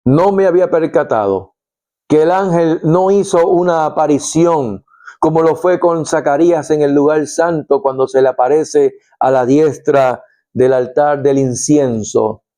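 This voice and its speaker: A middle-aged man giving devotional Bible teaching as an animated storyteller. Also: on the high side, measured pace. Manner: animated storytelling, acts out scenes. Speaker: preacher.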